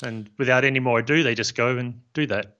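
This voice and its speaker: This is a New Zealand-accented man in his fifties who founded a software company, calmly explaining it during a casual interview. His voice is medium in pitch, his tone friendly and measured, his explanations plain. The slightly dull, lo-fi audio comes from a boom-arm studio mic in his home office, where he wears headphones.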